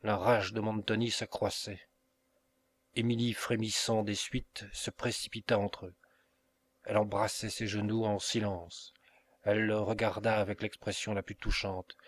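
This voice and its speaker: A man narrating a novel as an audiobook reader, measured and unhurried with pauses. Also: on the low side, little pitch movement.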